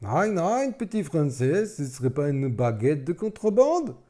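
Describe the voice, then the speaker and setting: A man's voice: fairly high pitch, sing-song, a little slow, warm tone, voice pushed up. A man voicing a bossy male German occupation soldier with a clumsy, exaggerated mock German accent.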